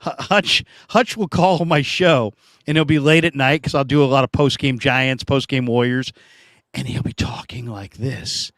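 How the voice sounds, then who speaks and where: A man hosting a casual sports talk show, animated and jumping up in pitch for emphasis. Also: normal speed, no room sound, studio quality.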